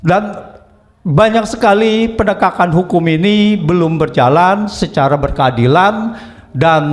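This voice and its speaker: A man giving measured political commentary, explaining step by step with frequent "eh" fillers. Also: high-pitched. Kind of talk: analytical commentary.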